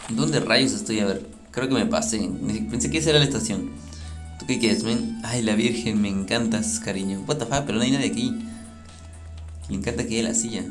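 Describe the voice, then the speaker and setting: A gaming YouTuber doing gameplay commentary, muttering to himself and bursting into frantic outcries. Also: male voice, lowish voice, brisk, soft background music.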